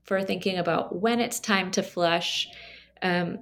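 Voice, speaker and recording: A woman author answering interview questions about her research, explaining in a measured way with occasional ums. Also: on the low side, steady tone, a bit bright.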